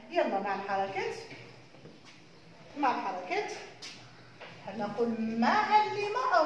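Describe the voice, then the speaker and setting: A woman with an Algerian Arabic accent teaching preschool children to read, drawing out syllables and praising them. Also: on the high side. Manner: encouraging, drawn-out syllables. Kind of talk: classroom teaching. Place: classroom. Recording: very echoey room, noisy.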